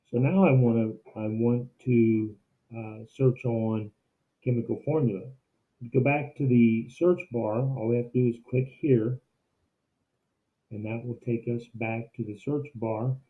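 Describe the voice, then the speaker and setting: A man giving an instructional screencast demo like a teacher, explaining things step by step. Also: mid-range voice. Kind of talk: instructional screencast narration, semi-scripted. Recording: muffled, narrow phone-like sound.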